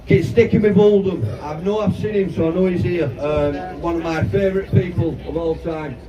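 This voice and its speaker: A man's voice: on the high side, fairly even intonation, moderate pace. A man organising a street protest, giving friendly safety instructions to the crowd and introducing speakers. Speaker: rally organiser and compere. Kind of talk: outdoor crowd announcements. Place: outdoors on a street. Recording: distant, muffled audio with crowd.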